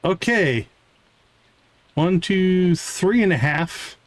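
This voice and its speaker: Casually commentating live on a farming game, a man chats playfully with viewers and in-game characters alike. He speaks extremely slowly in a high-pitched voice with lively intonation. The recording has no echo.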